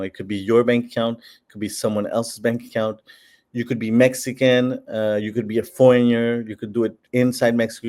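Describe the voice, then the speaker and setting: This man's voice is fairly low and a little mellow. A Peruvian who founded a bitcoin platform, he responds to interview questions in an explanatory way, with plenty of fillers and restarts.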